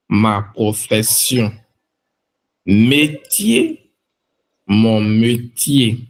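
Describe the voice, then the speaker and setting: A man from France reading vocabulary aloud for learners, carefully enunciating each word and then an example phrase. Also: mid-range voice. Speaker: language teacher.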